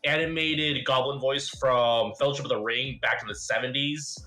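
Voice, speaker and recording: A man's voice: mid-range voice, fairly even intonation, normal speed, sharp tone. A man chatting casually through his turn in an online card game, rambling and self-mocking. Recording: faint background music.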